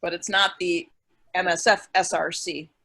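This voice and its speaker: A woman's voice: on the low side, fairly even intonation, moderate pace, creaky, pushed and bright, no room sound. A woman on a video call explaining a point in a matter-of-fact way. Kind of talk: casual chat.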